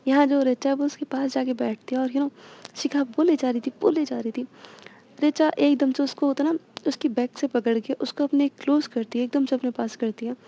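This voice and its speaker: A woman's voice: high-pitched, fairly even intonation, normal speed, warm tone. A woman telling a romance story in casual chat, full of English fillers. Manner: chatty, mixes in English fillers like "you know".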